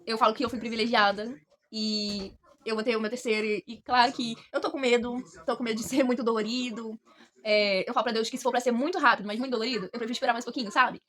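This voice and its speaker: A young woman from Brazil telling her story to camera in a chatty, animated way, often addressing her viewers directly. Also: on the high side. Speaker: vlogger.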